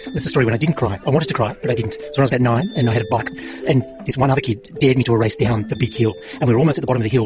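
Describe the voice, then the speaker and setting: A man telling an animated childhood anecdote. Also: medium pitch. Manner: animated storytelling. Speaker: interviewee sharing a story.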